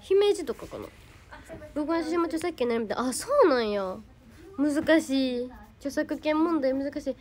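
Bubbly high-voiced teen girl with Kansai accent. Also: animated, moderate pace, a little mellow. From Hyogo, Japan. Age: teens. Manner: bubbly, thanks viewers by name, refers to herself by name. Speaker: idol livestreamer. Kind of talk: casual livestream chat reading viewer comments.

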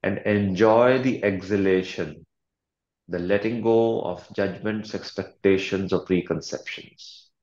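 Here a man acts as a meditation coach, giving soothing instructions calmly and deliberately, with long silences in between. His voice sits low, the room sounds roomy, and the audio is dull.

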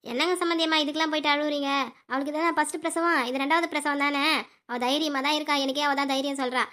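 A woman's voice: high-pitched, level tone, fast, sharp tone. A woman voicing a bossy, anxious middle-aged mother-in-law in a family cartoon. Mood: fussing. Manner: bossy and anxious, prays aloud. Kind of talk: cartoon voice acting.

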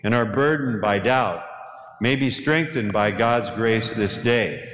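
A middle-aged man, a priest, leading a church service in a measured, solemn liturgical cadence. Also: lowish voice, a bit bright. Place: large church interior. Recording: echoey church hall with noise.

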